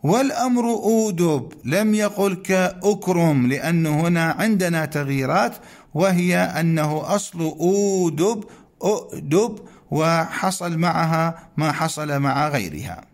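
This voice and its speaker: A man leads a grammar lesson, moving patiently through long lists of verb forms and half-chanting some of them. His voice sits a little high for a man, and he stops now and then to ask his students a rhetorical question. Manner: slow, deliberate recitation of verb conjugations, chanting some forms. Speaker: Arabic grammar teacher. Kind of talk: explaining a classical grammar text.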